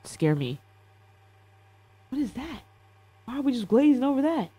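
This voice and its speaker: A young man with a very high, dark, breathy voice and big pitch swings talks at a measured pace while reacting casually on a livestream. He trades slangy, playful banter with chat from an indoor streaming room with faint music in the background.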